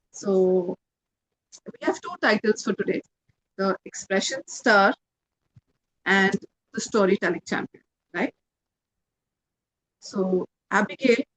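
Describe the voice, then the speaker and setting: A woman giving measured, encouraging feedback as a contest judge, with emphatic delivery. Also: medium pitch, a bit bright, slight background noise, rough recording. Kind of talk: spoken feedback and award announcement.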